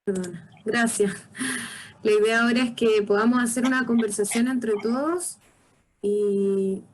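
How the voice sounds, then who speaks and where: A woman co-moderates an online discussion on a video call and calls on the next speaker. Her voice is on the high side, and her speech is dotted with fillers. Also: unhurried, poor audio.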